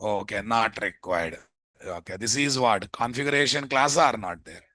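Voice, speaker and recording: Speaking with a Telugu Indian accent, this man teaches programming in an online lecture held indoors over screen-share, dictating notes, going over phrases again, and testing listeners through tag questions. His fairly low voice is expressive and sharp at a normal pace, captured in a dry, studio-grade recording.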